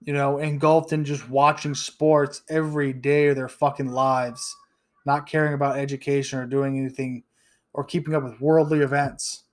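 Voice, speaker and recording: A man's voice: mid-range voice, level tone, normal speed. A man in his thirties hosting a solo podcast, ranting bluntly and profanely with frequent restarts and stumbles. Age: 30s. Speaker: podcast host.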